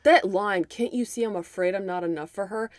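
A woman co-hosting a podcast, recapping a movie in animated, profane casual chat. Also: mid-range voice, a little fast, no room sound, clean studio sound. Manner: animated, profane, emphatic storytelling. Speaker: podcast co-host.

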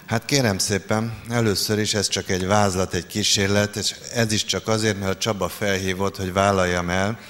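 A man's voice: fairly low pitch, fairly even intonation, few pauses, a bit bright. A man addressing an audience in a casual, self-deprecating way. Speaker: speaker presenting his piece. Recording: reverberant hall.

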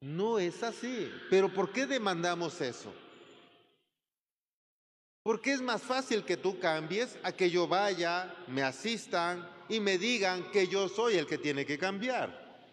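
A man delivers a sermon as pastor at a slow, measured pace. His voice sits somewhat high and carries a long reverb, as if recorded in a large hall. He asks the congregation rhetorical questions and acts out the voices of the people he quotes. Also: animated, a little hiss or hum.

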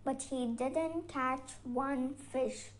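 A woman storyteller reading a bedtime fairy tale aloud in a gentle, expressive way. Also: high-pitched, extremely slow, poor audio.

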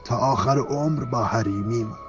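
A man's voice: medium pitch, highs cut off, close to an everyday voice. Dumbledore, a man voicing a kindly old wizard. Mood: gentle solemn. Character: old wise male wizard headmaster, calm, gentle. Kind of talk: Persian radio-play acting. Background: faint music.

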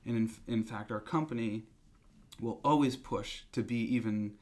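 A man speaking as a company representative in a business interview, explaining in a halting, conversational way. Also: lowish voice, a little mellow.

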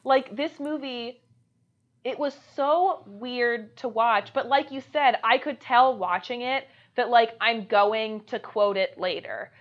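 A woman co-hosting a casual movie-review chat, retelling scenes with lively laughter. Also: a little high, slow, lo-fi sound. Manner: animated retelling with acted-out quotes and laughter. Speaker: podcast co-host.

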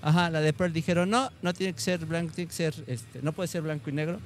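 A Mexican man with a somewhat high voice speaks as a panelist on a casual film show. His delivery is slangy and halting, like someone passing on bits of trivia to friends. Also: slight background noise.

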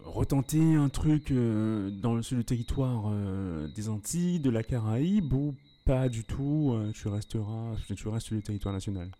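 A man hosting a casual interview, asking questions in a relaxed way and answering with frequent short acknowledgements. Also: fairly low pitch, normal speed, hardly any pauses. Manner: relaxed, gives frequent short backchannel "yeah"s. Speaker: interviewer, podcast host.

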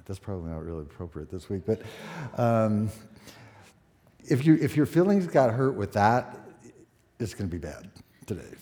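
A man in his sixties, a pastor preaching a sermon at a pulpit microphone, relaxed and conversational with many fillers. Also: on the low side, normal speed, pauses often. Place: church sanctuary. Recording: echoey church hall.

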